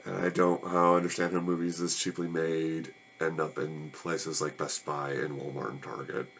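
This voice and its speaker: A man's voice: extremely low pitch, little pitch movement, moderate pace, vocal fry, a bit bright, slight background noise. A man casually reviewing a movie, rambling in a weary, sarcastic and annoyed way.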